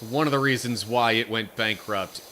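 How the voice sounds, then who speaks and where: Young guy streamer, bright and tense tone, loose rambling storyteller who reads chat aloud. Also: medium pitch, moderate pace, a little hiss or hum. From Pennsylvania. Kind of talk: casual live-stream chat.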